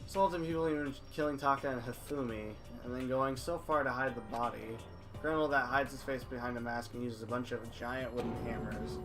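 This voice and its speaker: A man's voice: mid-range voice, steady tone, brisk, a bit bright, soft background music. A man hosting a let's play, reading game text aloud and adding casual commentary.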